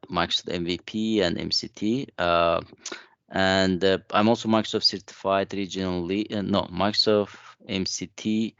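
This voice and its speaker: Deep gravelly guy chatting casually, dry muffled sound. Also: dry recording. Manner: relaxed, conversational, with frequent fillers. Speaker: co-presenter of a tech session. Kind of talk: casual conference chat.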